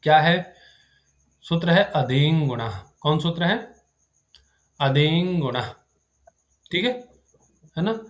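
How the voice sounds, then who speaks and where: A man's voice: a little high, expressive, slow, long pauses. A man teaching Sanskrit grammar to a live class, who quizzes his students and keeps checking whether they have understood.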